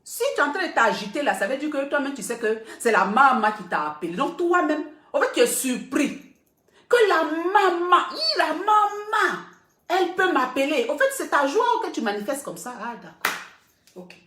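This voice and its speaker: Animated woman blogger, lively high voice. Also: brisk. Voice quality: animated and emphatic, repeating points for stress. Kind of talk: casual live video talk. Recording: roomy echo.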